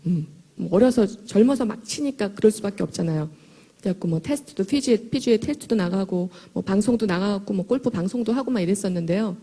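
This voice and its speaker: A middle-aged woman giving a lively, emphatic motivational talk to a live audience in a large hall, her voice a little hoarse and chatty, joking with the listeners as she goes. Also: medium pitch. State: slightly hoarse. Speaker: motivational speaker at a sales event.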